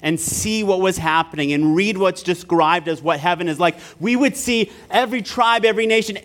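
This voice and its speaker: A man preaching a sermon in short phrases, pausing so an interpreter can follow. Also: high voice, fairly bright tone. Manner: slow, earnest preaching with pauses between phrases. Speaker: pastor.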